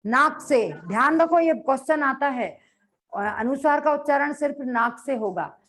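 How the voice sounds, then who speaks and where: A woman teacher giving a grammar lecture, dictating notes slowly and repeating phrases, asking the class questions and answering them herself. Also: high voice, expressive, fairly bright tone. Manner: slow, repeats phrases for note-taking.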